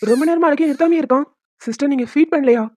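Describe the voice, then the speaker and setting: A woman voicing a young caring father who talks quickly and earnestly and soothes his baby. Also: sits high, background noise, close to an everyday voice. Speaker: cartoon voice actor. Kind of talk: homemade cartoon dubbing.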